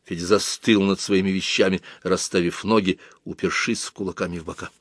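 A man reads a children's story aloud at an even, measured pace. His voice is on the low side. The recording is close and dry with no room sound. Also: no room sound. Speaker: audiobook narrator. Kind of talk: scripted narration.

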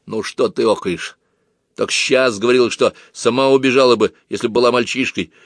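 A man's voice: medium pitch, brisk, no echo, studio quality, lightly acted. A man reading a story aloud, voicing an earnest teenage boy who argues his plan emphatically and persuasively.

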